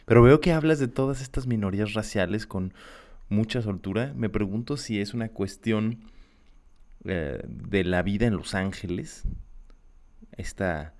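A man asking measured, probing interview questions. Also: fairly low pitch, a little mellow.

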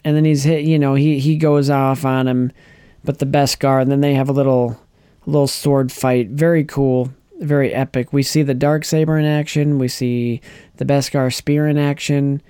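A man chatting casually on a podcast, retelling a TV episode with lively acted-out lines and frequent restarts. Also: medium pitch, moderate pace, clean tone, no echo, studio quality. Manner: animated storyteller, acts out characters' lines, restarts often. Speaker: podcast co-host. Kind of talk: casual chat recapping a TV episode.

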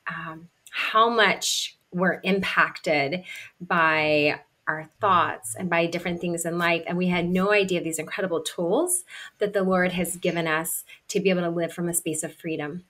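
A woman's voice: lowish voice, a bit bright. A woman from Kentucky, a podcast guest, talking about her ministry in an earnest, heartfelt way. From Kentucky, USA. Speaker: guest, singer and life coach. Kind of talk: podcast interview.

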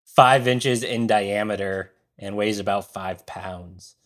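A man's voice: lowish voice, steady tone, slow pace, a bit bright. A man acting as game master, narrating a tabletop game.

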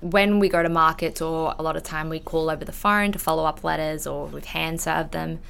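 Guesting on a podcast, this intellectual property investigator, a twenty-something Australian woman, speaks openly and casually in a conversational interview. Her low-pitched voice carries vocal fry and a fairly bright tone, steady and a little fast, with slight background noise.

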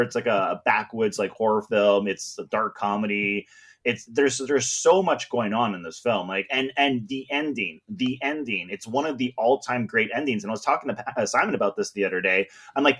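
Man, casual film podcast chatter, excitable and rambling. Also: mid-range voice, husky. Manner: enthusiastic, rambling with many fillers.

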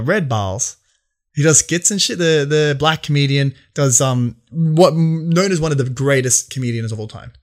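An easygoing man chats on a podcast, agreeable and prone to stopping and restarting mid-thought. His voice sits at an ordinary middle pitch. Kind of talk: casual chat.

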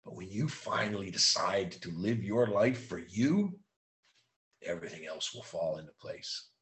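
A man giving an emphatic motivational monologue, repeating key phrases and slowing down to stress them. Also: low-pitched, expressive, fairly bright tone, reverberant. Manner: slows down for emphasis. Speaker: motivational speaker.

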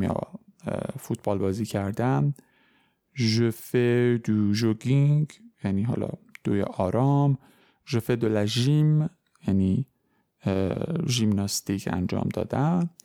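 Male language teacher, podcast host, warm low-key tone, patient and methodical. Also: vocal fry. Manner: patient explaining, slow careful French examples. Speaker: French teacher.

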